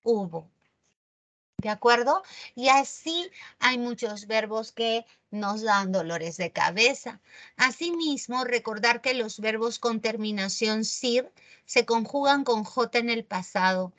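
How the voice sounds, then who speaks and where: A woman's voice: a little high, slow pace, a bit bright. A woman teaching a grammar lesson, correcting common mistakes and checking with the class through rhetorical questions.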